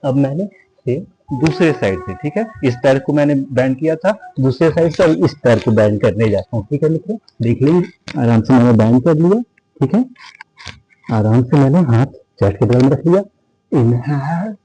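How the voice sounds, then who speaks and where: Fast-talking man guiding a yoga class. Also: mid-range voice, lively intonation, warm tone, soft background music, rough recording. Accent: Hindi. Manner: addresses viewers as friends repeatedly, counts breaths; reassuring, tells listeners to rest and not strain. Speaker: yoga instructor. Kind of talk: guided yoga class instruction.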